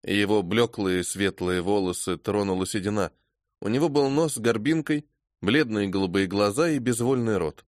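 A man narrating an audiobook in a measured, even reading. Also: on the low side, dry recording, clean studio sound. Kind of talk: scripted narration.

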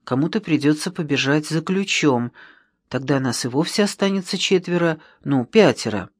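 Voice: mid-range voice, lively intonation, normal speed, no echo, studio quality, close to an everyday voice. An audiobook reader voicing a determined schoolboy who takes charge of his friends. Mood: doubtful. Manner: commanding, clipped orders. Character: determined schoolboy leader giving orders. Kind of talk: audiobook reading.

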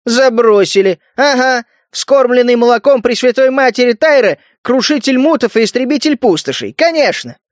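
A man's voice: sits high, big pitch swings, moderate pace, no echo, studio quality, pitched above the performer's own voice. A man voicing a boastful scaly male toad mutant, in a folksy, slangy manner with a raised, chattering voice. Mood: sarcastic.

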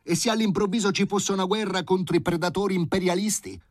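A man's voice: high voice, fairly even intonation, quick pace, no room sound, clean studio sound, voice pushed up. A man putting on a smug, pedantic bureaucrat. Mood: sanctimonious. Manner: insistent, bureaucratic and sanctimonious. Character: pedantic, smug male housing-committee official. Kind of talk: audiobook reading.

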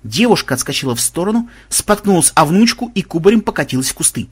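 A man's voice: a little high, sing-song, fast, husky. A man reading a humorous adventure story aloud as an audiobook narrator, voicing each character's lines in turn.

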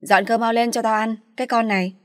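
A woman's voice: on the high side, steady tone, quick pace, no echo, studio quality, voice pushed up, close to an everyday voice. A woman doing a rude, snappish older sister. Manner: snappish, contemptuous.

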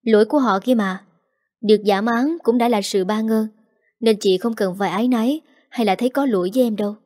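A tender young brother, gentle and soft-spoken, as a woman narrator puts him on. His words come out choked and soothing, in a mellow, warm tone. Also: on the high side, fairly quick, natural voice. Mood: earnest.

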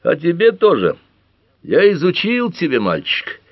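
A tall, grey-haired older father talks slowly and with weight, as a man puts him on for an audiobook. He picks his words with care, and his lively voice sits higher than the narrator's. The reading is dry and close. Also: dry recording, highs cut off, heavily acted. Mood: grave.

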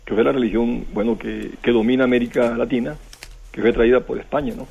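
A man's voice: mid-range voice, fairly even intonation, fairly quick, vocal fry, a little mellow, husky. A man with a Costa Rican accent tells a folk legend on a radio program in a rambling way, full of restarts and questioning tags. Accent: Costa Rican Spanish. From Costa Rica. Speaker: guest storyteller. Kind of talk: relaxed radio storytelling. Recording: tinny phone line.

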